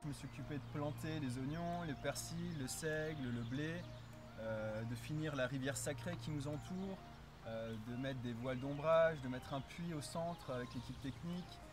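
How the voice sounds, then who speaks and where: A man's voice: a little high, moderate pace. A man who works as a gardener, speaking in an interview with frequent hesitations. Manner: hesitant, many fillers. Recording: music playing underneath.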